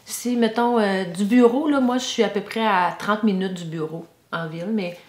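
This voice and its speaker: A middle-aged woman from Quebec, Canada, chats casually as a podcast co-host, speaking with a Québécois French accent. Her voice is mid-range at a moderate pace, and the indoor recording sounds roomy and echoey.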